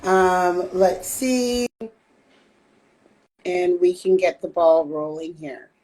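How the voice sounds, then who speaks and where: Raspy woman hosting a slow live chat. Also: on the low side. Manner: relaxed and chatty, with frequent fillers. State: slightly hoarse from a cold. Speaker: host. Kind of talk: casual livestream chat. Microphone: phone on a live stream.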